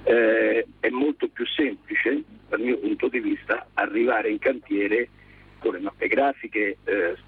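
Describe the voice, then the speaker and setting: Man on car speakerphone, husky phone line. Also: on the low side. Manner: polite, practical, measured explanations. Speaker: guest electrician. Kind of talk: radio phone-in conversation. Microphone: car hands-free speakerphone.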